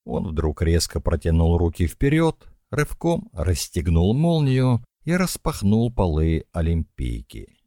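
A man narrating an audiobook in an expressive, dramatic reading. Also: low voice, measured pace, no room sound, studio quality.

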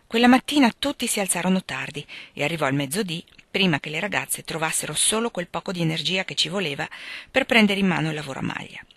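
Calm woman reading an audiobook, dry. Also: on the low side, no echo. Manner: calm, measured, expressive reading. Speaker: audiobook reader. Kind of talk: audiobook narration.

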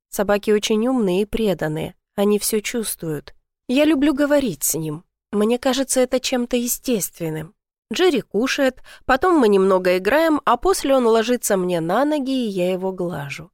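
A woman narrating a first-person story in an earnest, steady storytelling manner. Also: on the high side, dry recording, clean studio sound.

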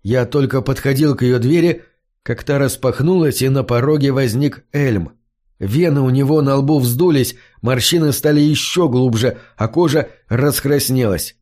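A man reading a first-person fantasy audiobook in an even, measured way. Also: mid-range voice. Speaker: audiobook narrator. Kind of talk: scripted storybook narration.

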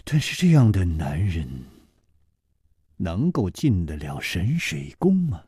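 A man voicing a suave, easygoing young male hero in a storytelling broadcast, murmuring low and hushed. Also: sing-song, slow, breathy edge, no room sound, clean studio sound, exaggerated voice. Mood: musing.

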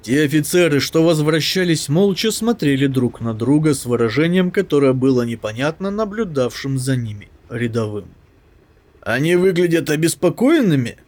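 Expressive male audiobook narrator. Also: mid-range voice, moderate pace, few pauses.

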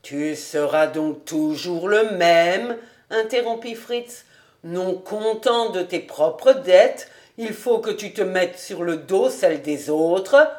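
A woman's voice: lowish voice, takes it slowly, a little mellow. A woman voicing a jovial, well-off man who teases his old friend, in an audiobook reading. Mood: firm. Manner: teasing, half-serious. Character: jovial well-off man, teasing, fond of food.

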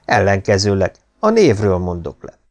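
Male reader as an insolent young aristocrat thief, mocking, gravelly, lively, audiobook. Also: low-pitched, exaggerated voice. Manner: cheeky, mocking.

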